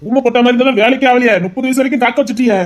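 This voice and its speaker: Teasing young male lover, voiced by a woman, playful and melodramatic, high-pitched. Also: fairly even intonation, very fast, natural voice. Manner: playful teasing, theatrical wailing when hurt. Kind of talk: amateur audio drama.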